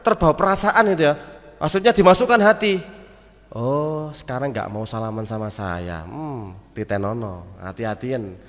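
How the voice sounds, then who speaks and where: A male preacher with a Javanese accent gives a relaxed study talk in a mosque, his fairly high voice rising and falling with lively range. He slips in Arabic terms and plays out small dialogues. A long reverb from the mosque hall trails each phrase. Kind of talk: casual sermon.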